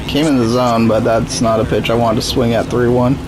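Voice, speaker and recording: His voice is mid-range, flat in delivery and fairly quick, and audibly strained and rough from a sore throat. A young gaming YouTuber, he casually narrates his own baseball game, laid-back and self-deprecating, in a noisy home recording.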